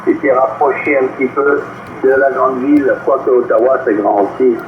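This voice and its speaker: Through a muffled, static-filled CB transmission with a roomy sound, an older Breton man from northwest France chats in a friendly, casual way. His French-accented voice sits in the mid range, and he speaks at an ordinary pace.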